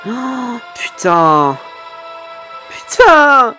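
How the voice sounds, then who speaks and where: A woman hosting a reaction video, excitedly cheering, swearing at the screen and turning hushed when moved. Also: fairly high pitch, drawn-out words, soft background music. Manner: turns hushed and emotional at sad moments. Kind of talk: live reaction commentary.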